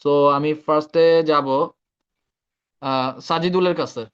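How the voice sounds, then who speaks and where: A man's voice: a little high, measured pace, a bit bright, clear, resonant tone, dull audio. A man teaching Arabic pronunciation in an online class, patient and often checking that students follow. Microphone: video call.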